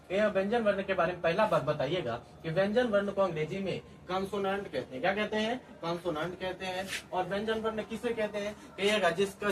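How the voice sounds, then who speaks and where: High-voiced teacher drilling questions. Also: male voice, a bit bright. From Bihar, India. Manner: repeats questions and answers in a drilling call-and-response way. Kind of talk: classroom-style grammar lesson. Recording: distant mic with faint background noise.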